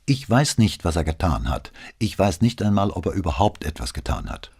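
A man voicing a sharp-tongued woman who argues back with pointed questions in an audiobook. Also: deep voice, big pitch swings, a little fast, slightly rough, full character voice. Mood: argumentative. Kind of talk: audiobook reading.

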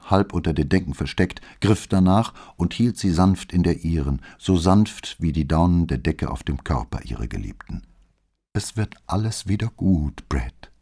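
Deep-voiced male audiobook narrator. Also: gravelly, mellow, breathy edge. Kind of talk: scripted narration.

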